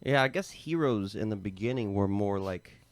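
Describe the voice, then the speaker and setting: A man's voice: on the low side, moderate pace, no echo. An American man co-hosting a podcast, casually explaining a topic with lots of fillers like "um" and "like". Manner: relaxed, filler-heavy, lots of "um" and "like". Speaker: podcast co-host.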